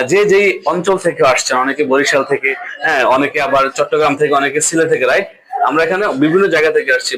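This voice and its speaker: A man's voice: a little high, a bit bright, rough recording. A man giving a motivational seminar talk on network marketing, mixing in English words and asking the audience questions that he then answers himself. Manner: asks the audience rhetorical questions and answers them; mixes English words into his speech.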